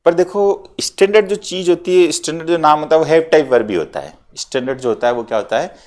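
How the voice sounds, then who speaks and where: A man with a Rajasthani Hindi accent teaching an English grammar lesson to students. He explains step by step, mixes Hindi with English grammar terms, slows down to dictate example sentences and keeps checking with "clear?". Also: a little high, darkish tone. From India.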